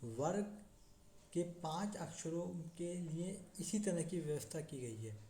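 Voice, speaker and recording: A teacher giving a slow classroom lesson, repeating points and checking in as they explain. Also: mid-range voice, lively intonation, warm tone. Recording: echoey room with faint noise.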